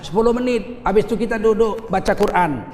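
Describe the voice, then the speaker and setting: A middle-aged man preaching a lively sermon with funny stories, animated and teasing, acting out little scenes as he goes. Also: sits high, a little fast, a little hiss or hum. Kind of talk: lively sermon with humorous anecdotes. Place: large hall at a gathering. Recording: echoey hall, faint ambience.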